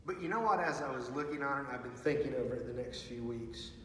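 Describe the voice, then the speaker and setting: An earnest male youth pastor talks informally to parents, halting and repeating words as he goes. His voice sits a little away from the mic in a big empty room, swimming in heavy echo and long reverb. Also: medium pitch, a bit bright. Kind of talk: informal video message to parents. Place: large empty student ministry room with stage. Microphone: far from the speaker. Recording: very echoey hall, distant mic, faint noise.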